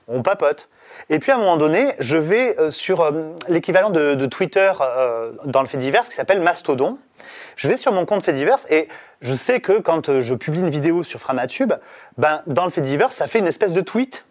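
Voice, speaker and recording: A middle-aged man, an interview guest, explaining in casual chat, rambling with many fillers and restarts. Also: fairly high pitch.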